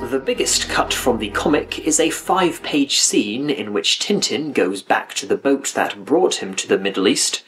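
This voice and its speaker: A man's voice: mid-range voice, animated, normal speed, hardly any pauses, a bit bright, soft background music, poor audio. A man reading scripted review narration with dry, critical asides. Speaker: video essay narrator.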